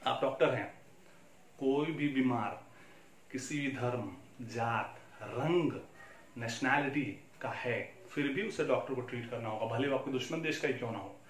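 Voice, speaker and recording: A man's voice: medium pitch, unhurried, a little hiss or hum. A man with an Indian accent teaching commerce, lecturing with rhetorical questions and switching between Hindi and English. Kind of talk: classroom lecture. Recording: echoey room, faint ambience.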